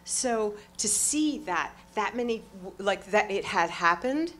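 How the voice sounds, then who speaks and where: A middle-aged woman talking onstage at a live event, exuberant and profane, swinging from quiet remarks to loud exclamations and laughing often. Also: mid-range voice, animated, unhurried. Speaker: award honoree speaking onstage. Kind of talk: lively onstage conversation with profanity.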